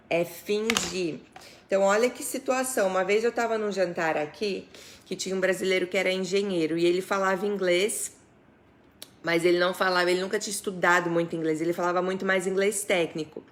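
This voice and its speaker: A Brazilian woman teaching English on a live stream, chatty and quick to laugh, greeting viewers by name between explanations. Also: fairly low pitch.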